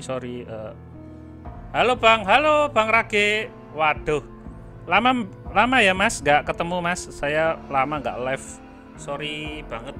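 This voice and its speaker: A man streaming a horror game live, chatty and apologetic, breaking into startled shouts. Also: fairly high pitch. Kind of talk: live gameplay commentary. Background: game music.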